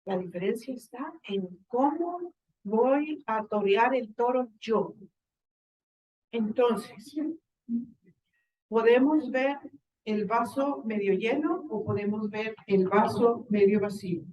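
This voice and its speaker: A woman with a Guatemalan accent giving a faith talk to a live group, lively and full of rhetorical questions to her listeners. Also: a little high, slow, lo-fi sound. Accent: Guatemalan Spanish.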